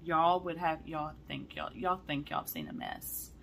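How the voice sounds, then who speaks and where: A woman, chatting excitedly to her viewers in a cross-stitch vlog and often saying y'all. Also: sits low, measured pace, gravelly, a little hiss or hum. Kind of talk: casual chat to viewers.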